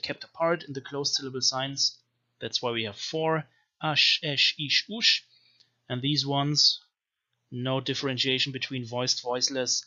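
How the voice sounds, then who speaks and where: A male language teacher gives an explanatory video lecture on reading an ancient script, slowly spelling out each syllable one at a time. His voice is medium-pitched, pushed and bright, and the recording has its highs cut off.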